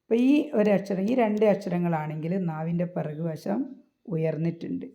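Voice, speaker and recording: A woman's voice: on the low side, moderate pace, vocal fry, warm tone, muffled recording. Patient woman teaching Quran pronunciation. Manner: patient, repeats and checks with the listener. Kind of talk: explanatory lesson.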